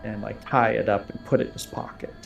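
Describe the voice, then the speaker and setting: A man's voice: fairly low pitch, flat delivery, quick pace, vocal fry, faint music behind. A man playing a tabletop game, talking casually and describing his character's actions in an informal way.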